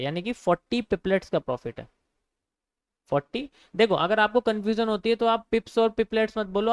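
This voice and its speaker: A man's voice: high voice, clear, resonant tone, dry recording. A young man giving a casual live lesson on trading, repeating his points and calling viewers bro. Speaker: trading teacher.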